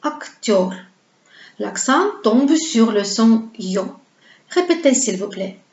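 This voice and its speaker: Woman language teacher, patient pronunciation lesson, slightly high voice, very slow delivery, echoey dull recording. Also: lively intonation, a little mellow. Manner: explains patiently and asks viewers to repeat words. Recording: roomy, slightly dull lo-fi sound.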